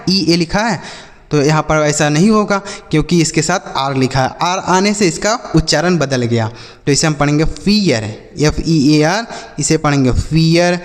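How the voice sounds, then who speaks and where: A man's voice: high voice, long reverb tail. A man teaching English reading, spelling words out letter by letter and quizzing his students. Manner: repeats questions to an imagined class. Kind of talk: spoken classroom lesson.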